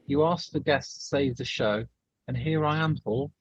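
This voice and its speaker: A man speaking as a guest in a casual live-stream chat, muffled as if talking through a wall, slow and halting with a deadpan manner. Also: mid-range voice, slightly rough, dry recording. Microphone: weak remote microphone. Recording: muffled dull mic, dry.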